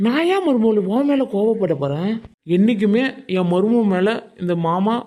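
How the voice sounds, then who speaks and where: Someone doing a mellow dark village uncle, all affection, big shouts. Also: animated, normal speed, natural voice. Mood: affectionate. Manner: affectionate, booming calls. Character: warm middle-aged village uncle. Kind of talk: cartoon voice acting.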